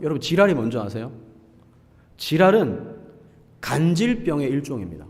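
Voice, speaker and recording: A man preaching a sermon as pastor, talking in a lively way and asking the congregation questions. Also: on the high side. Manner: lively, asks the congregation questions and acts out quoted insults. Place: church sanctuary. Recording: long church hall reverb.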